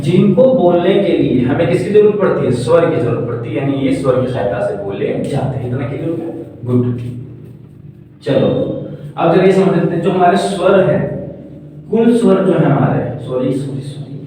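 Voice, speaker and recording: A man's voice: fairly high pitch, lively intonation, normal speed, dark tone, slight background noise. Man teaching from a distance in an echoey room. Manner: repeats questions and answers them himself; writes on a board while explaining. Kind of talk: classroom grammar lesson. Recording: echoey room, far from the mic.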